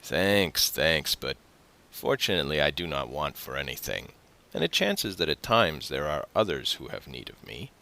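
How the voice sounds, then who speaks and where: A man voicing a grinning, envious young tailor neighbor in a loud, falsely hearty way. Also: rumbling low, big pitch swings, normal speed, creaky, heavily acted.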